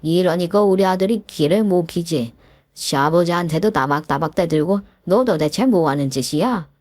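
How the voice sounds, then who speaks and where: A woman's voice: on the low side, moderate pace, darkish tone, dry recording, close to an everyday voice. A woman voicing an angry, domineering older father-in-law who scolds his daughter-in-law in a narrated story. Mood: scolding. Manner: scolding, gruff and bossy.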